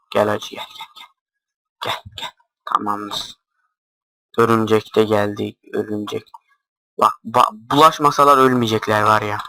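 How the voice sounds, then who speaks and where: A man giving casual gameplay commentary, deliberately talking quietly and swearing offhandedly as he plays. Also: fairly low pitch, vocal fry, dry recording, rough recording. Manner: talks quietly on purpose, swears casually while playing.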